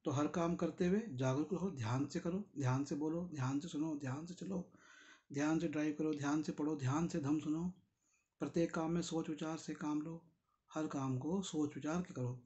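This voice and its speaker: A man's voice: on the high side, steady tone, normal speed, a little mellow, highs cut off. A tired man, reading a Buddhist book and explaining it in a conversational way, speaking directly to his listeners. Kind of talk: casual spoken commentary on a read text.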